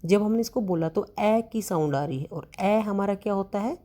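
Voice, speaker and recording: A woman teaching a grammar lesson to students, explaining slowly and asking questions she then answers herself. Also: mid-range voice, warm tone. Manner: slow, explanatory, asks questions and answers them; addresses students as beta.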